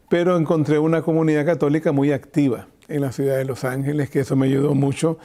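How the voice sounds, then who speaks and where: An older man from Chinandega, Nicaragua, speaks at an average pitch in a very mellow, relaxed tone. Interviewed as a bishop, he explains things in a measured, reflective way.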